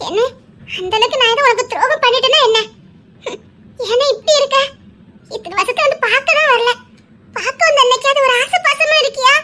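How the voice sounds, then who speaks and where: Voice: very high-pitched, a little fast, long pauses, bright, forceful tone. A performer playing an emotional young woman with a Tirunelveli Tamil accent, who pleads with her friend and teases her.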